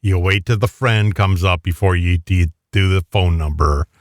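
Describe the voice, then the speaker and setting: A man's voice: deep voice, normal speed, dry recording, clean studio sound. A man co-hosting a talk show, joking and sounding incredulous. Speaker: radio co-host. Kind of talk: casual chat.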